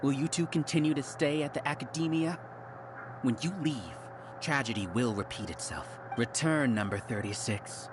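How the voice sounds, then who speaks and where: An actor playing an arrogant villain researcher who leads a hive mind, giving grandiose, condescending monologues in a video game. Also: male voice, mid-range voice, normal speed, noisy background, lightly acted.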